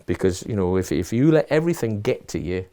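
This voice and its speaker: In a relaxed, reflective conversation, a middle-aged college leader shares considered advice, frequently restarting and repeating himself. He speaks fairly quickly in a warm, lowish voice with big pitch swings.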